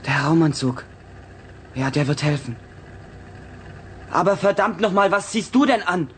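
A pleading, panicky spaceship passenger. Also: male voice, on the high side, animated, measured pace, a bit bright, slight background noise. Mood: panicked. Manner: pleading, increasingly desperate. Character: anxious young male spaceship passenger. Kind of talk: radio drama acting.

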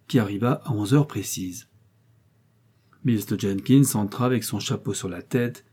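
Male narrator, audiobook reading, measured, expressive, husky voice. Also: medium pitch.

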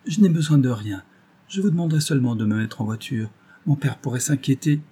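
A man voicing a gentle young blind woman piano teacher who speaks softly and apologetically. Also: medium pitch, animated, brisk, husky, pitched above the performer's own voice. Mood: polite. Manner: soft, apologetic.

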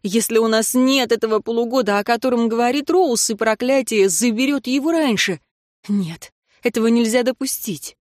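A woman's voice: on the high side, normal speed, dry recording, clean studio sound. A woman narrating a first-person novel as an audiobook, telling it expressively. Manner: expressive storytelling.

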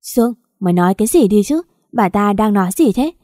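A woman's voice: medium pitch, lively intonation, warm tone, dry recording, clean studio sound, lightly acted. A woman doing a stern gray-haired older father. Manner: stern, hurried, reproachful.

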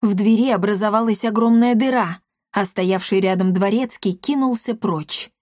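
A woman narrating a children's audiobook with lively storytelling. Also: medium pitch, moderate pace, no room sound, studio quality.

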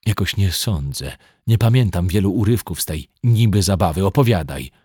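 A man's voice: sits low, animated, moderate pace, a little mellow, breathy edge, no echo, clean studio sound. A man reading as a defiant, foul-mouthed young woman. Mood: angry, demanding. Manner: blunt, swearing, confrontational. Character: angry young woman, sharp-tongued and defiant. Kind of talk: audiobook reading.

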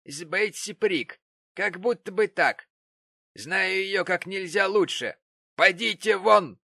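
Мужчина-чтец озвучивает негодующую старую сиделку, напыщенную и сварливую, голос визгливый и бранчливый. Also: male voice, takes it slowly, creaky, sharp tone, no echo, studio quality, full character voice. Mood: indignant. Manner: shrill, scolding. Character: indignant old woman nurse, pompous and quarrelsome.

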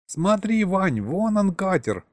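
A man voicing an excitable small male alien crewmate with paws, in an audiobook, eager and squealing. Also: sits high, takes it slowly, dry recording, pitched above the performer's own voice, heavily acted. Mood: excited. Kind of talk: audiobook character voice.

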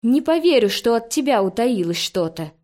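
A woman's voice: on the high side, very animated, normal speed, a little mellow. A woman voicing a young, stubborn village witch-healer girl who coaxes and then commands. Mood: lively.

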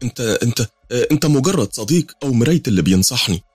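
Scared young college girl in a horror story, acted by a man, husky, raised high, egyptian accent, rapid. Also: animated, a little mellow, dry recording, clean studio sound, soft background music. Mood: anxious. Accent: Egyptian Arabic. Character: frightened young woman student, pleading.

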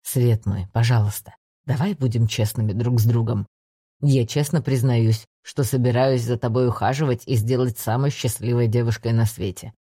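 Woman doing a gentle necromancer guy, low and slow, very dark husky tone. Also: steady tone, dry recording, studio quality. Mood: coaxing. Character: male necromancer professor, tender and protective.

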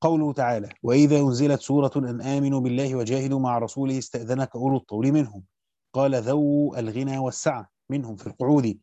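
Rapid scholarly male reader, dull dry sound. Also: medium pitch, no echo. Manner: rapid steady recitation, slows to stress key words. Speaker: teacher reading a Quran commentary aloud. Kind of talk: fast scholarly reading of a classical text with brief comments.

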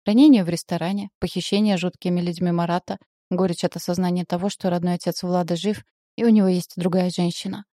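A woman reading a first-person novel aloud in a steady, emotive way. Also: on the low side, fast talker, no echo, clean studio sound. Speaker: audiobook narrator. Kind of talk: scripted narration.

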